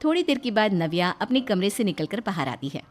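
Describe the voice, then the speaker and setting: A woman's voice: medium pitch, big pitch swings, fairly quick, faint music behind. A woman storyteller reading scripted narration for a moral story.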